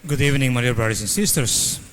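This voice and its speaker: Filipino priest in cathedral echo. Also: male voice, medium pitch, fairly bright tone, a little hiss or hum. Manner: measured, solemn intoning of the Mass prayers. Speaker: priest presiding at Mass. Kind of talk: liturgical recitation. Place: large cathedral. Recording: long cathedral reverb, faint ambience.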